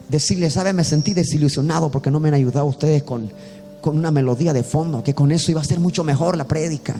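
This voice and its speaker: A man's voice: high-pitched, darkish tone, in a large hall. A man from Bolivia preaching a sermon as a pastor, talking earnestly and repeating himself with many restarts.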